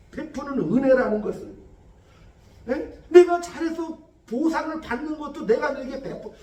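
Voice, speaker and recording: A male pastor preaching a Sunday sermon, acting out dialogue in a lively way. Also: very high-pitched. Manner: lively preaching, acting out God's lines to Job. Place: church sanctuary. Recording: echoey hall from far off.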